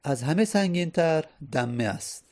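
A man's voice: on the high side, lively intonation, a little mellow. A male teacher explaining grammar step by step. He repeats key phrases and sounds out vowels to demonstrate. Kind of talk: Arabic grammar lesson.

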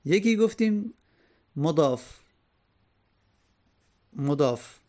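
A man's voice: on the high side, expressive, dark tone. A man teaching Arabic grammar, patiently repeating each point and example.

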